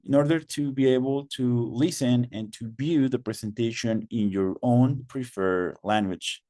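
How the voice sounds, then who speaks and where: Over a video call, this webinar host from Mexico, whose first language is Spanish, speaks slowly and patiently, repeating instructions and using lots of fillers. He has a mellow, medium-pitched voice, and the audio is studio quality with no room sound.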